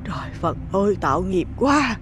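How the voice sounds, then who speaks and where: A man's voice: high voice, big pitch swings, normal speed, background noise, pitched above the performer's own voice. A man voicing a frightened, pleading middle-aged village wife in a ghost story. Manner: pleading, praying, anxious.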